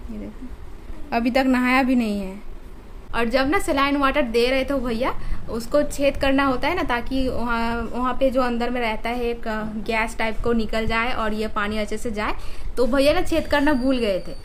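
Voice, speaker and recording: A woman's voice: on the high side, fairly even intonation, moderate pace, slight background noise. A woman with a slight lisp, chatting casually to viewers in a home vlog. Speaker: vlogger.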